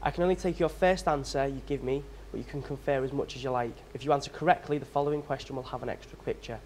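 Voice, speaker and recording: A man's voice: mid-range voice, steady tone, quick pace, darkish tone, slight background noise. A young man hosting a staged quiz show, with upbeat, teasing presenter patter. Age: young adult.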